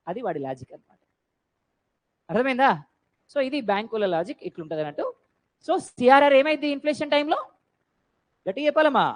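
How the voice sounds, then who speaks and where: High-voiced teacher quizzing a class. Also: female voice, fast talker, pauses often, poor audio. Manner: quizzing, prompting students to answer loudly. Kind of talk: classroom lecture.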